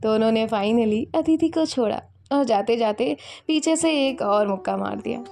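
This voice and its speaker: A woman's voice: a little high, normal speed, gravelly, a little mellow. A woman narrating a romantic story and voicing every character herself with light acting. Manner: voices all characters in the same lightly acted tone.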